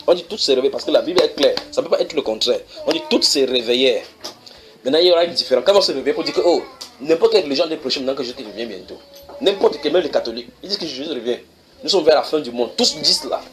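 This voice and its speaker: A male preacher teaching a sermon in a church, reading each verse slowly and then explaining it. He keeps checking whether his listeners follow. His voice sits at a middle pitch, with faint music underneath. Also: lively intonation.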